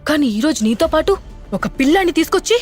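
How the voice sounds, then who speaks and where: A woman voicing an angry, proud older father who talks harshly and shouts, in an audio drama with faint music behind. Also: sits high, lively intonation, fast, pitched above the performer's own voice.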